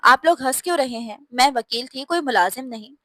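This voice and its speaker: A woman's voice: sits high, no echo, studio quality. A woman reading a storybook aloud and voicing a spirited young wife who was once a lawyer. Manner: lively, quick to bristle.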